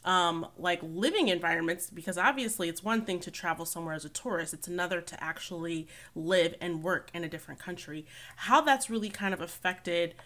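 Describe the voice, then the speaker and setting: A woman hosts a podcast interview, her tone bright and forceful. She asks long questions in a playful, teasing way. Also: lowish voice, fairly quick, few pauses. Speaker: podcast host.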